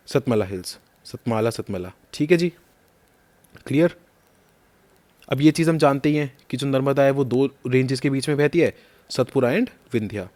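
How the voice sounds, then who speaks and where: A man with a middle-pitched, slightly mellow voice teaches a map lesson for exam prep, quizzing the listener along the way and repeating the key names. His throat sounds a little sore.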